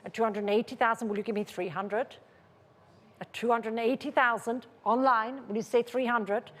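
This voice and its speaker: A woman's voice: a little high, steady tone, moderate pace, a bit bright. A woman auctioneer calling a live sale, repeating bid figures insistently in a polite, controlled way. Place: large indoor auction room. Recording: reverberant large saleroom.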